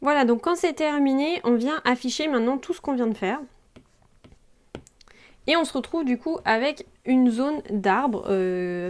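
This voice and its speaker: Her voice sits fairly high as she leads a screen-recorded drawing tutorial. Chatting casually with the viewer, this young woman keeps pausing to check in along the way.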